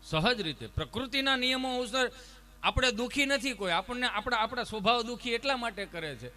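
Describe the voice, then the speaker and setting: High, bright-voiced folk storyteller. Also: male voice, a little fast, slight background noise. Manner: animated, jokey, preacherly. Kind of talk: humorous folk storytelling performance. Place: ashram event.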